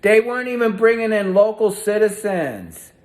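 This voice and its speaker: Man, profane ranting vlog, combative, animated swooping pitch. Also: normal speed. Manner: profane, combative, rambling with frequent "right?". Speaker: vlogger. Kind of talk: ranting monologue to camera.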